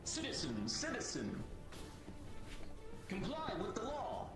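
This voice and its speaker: A man's voice: high-pitched, huge pitch swings, slow pace, echoey room, over music. A man speaking through a voice changer filter, barking stern commands as a player in a group roleplay game.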